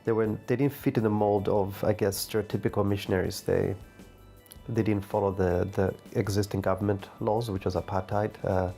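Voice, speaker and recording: A man from Zimbabwe, an artist and teacher, reflects in a documentary interview. His voice sits low with a gravelly edge, and he gropes thoughtfully for his words. Faint music plays behind him. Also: steady tone, fairly quick, dark tone.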